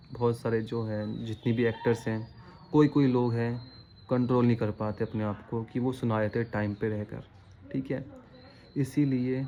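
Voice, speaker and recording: A man's voice: mid-range voice, mellow, highs cut off, slight background noise. A man delivering a casual, rambling opinion rant to his viewers, scolding and disappointed, often repeating himself. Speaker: vlogger.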